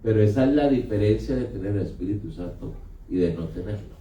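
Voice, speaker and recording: A man's voice: lowish voice, lively intonation, fairly quick, dark tone. Preaching man in an echoey hall. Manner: conversational preaching, asks the congregation questions. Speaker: pastor. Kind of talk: sermon. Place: church hall. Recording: echoey hall, picked up from a distance.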